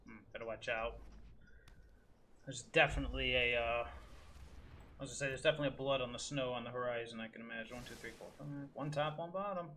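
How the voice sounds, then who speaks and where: A man's voice: medium pitch, fast talker, long pauses, sharp tone, a little hiss or hum. A man giving casual gameplay commentary at home, muttering his thoughts aloud with dry little asides. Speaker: gaming video host. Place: room at home with window open.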